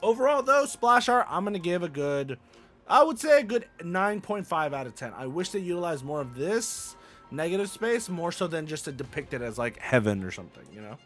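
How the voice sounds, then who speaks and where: High, animated young man hyping a video. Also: brisk, faint music behind. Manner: hyped and playful, slangy, repeats phrases. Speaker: gaming YouTuber host. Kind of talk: casual gaming commentary.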